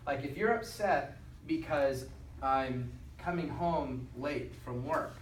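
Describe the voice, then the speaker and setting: A male teacher lectures a class slowly in a medium-pitched voice, repeatedly asking "okay?" and acting out quoted lines. The recording sounds roomy and distant, with some noise.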